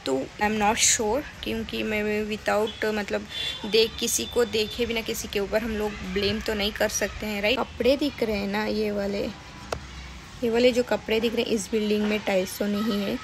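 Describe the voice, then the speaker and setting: A woman's voice: mid-range voice, little pitch movement, moderate pace, noisy background. A young woman, talking to her camera in a hesitant, upset way, many fillers and restarts. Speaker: vlogger. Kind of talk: casual vlog talk to camera.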